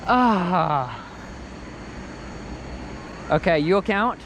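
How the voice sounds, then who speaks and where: A person vlogging casually and in an excitable way outdoors, with exclamations. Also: mid-range voice, very slow. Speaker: vlogger doing a first bungee jump. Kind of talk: casual first-person vlog of a bungee jump. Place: outdoors on a high bungee platform. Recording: noisy outdoor recording, wind and vehicle hum.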